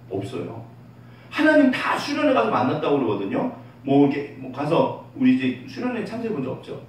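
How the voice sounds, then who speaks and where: Lively pastor preaching in an echoey church. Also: male voice, fairly high pitch. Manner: lively, asks the congregation questions and answers them; drops to a soft hush when quoting God. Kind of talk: sermon. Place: church sanctuary. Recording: very echoey, distant, faint room noise.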